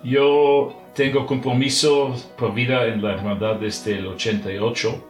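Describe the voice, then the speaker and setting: Slow, halting Austrian-accented man. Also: medium pitch, little pitch movement, reverberant, faint music behind. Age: middle-aged. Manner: halting, non-native speech with searching pauses. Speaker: religious brotherhood member, communications director. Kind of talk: prepared spiritual reflection for a podcast.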